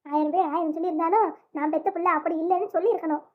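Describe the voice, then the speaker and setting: A remorseful, affectionate mother, as a performer puts her on, coaxing in a rapid, very high voice. The sound is tinny and phone-like. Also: steady tone. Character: loving, remorseful middle-aged mother.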